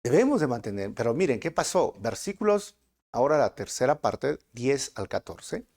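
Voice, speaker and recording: A man preaching a sermon with a Peruvian Spanish accent, his voice gravelly and rough at the edges. His pitch swings widely as he presses points home. He keeps asking the congregation rhetorical questions. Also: big pitch swings, normal speed, a little mellow. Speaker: pastor. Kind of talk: verse-by-verse sermon.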